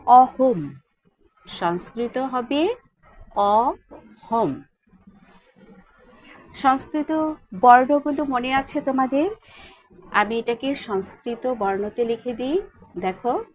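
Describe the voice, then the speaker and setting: A woman's voice: sits high, measured pace, slight background noise. A woman with a Bengali accent teaching a Sanskrit lesson at a board, spelling words out letter by letter and asking her students checking questions. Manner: asks the class checking questions. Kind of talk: classroom lesson at a whiteboard.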